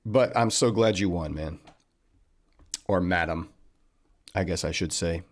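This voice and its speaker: A man with a low voice and measured pace hosts a trading livestream. He chats casually and upbeat with viewers, calling them "man" and "buddy."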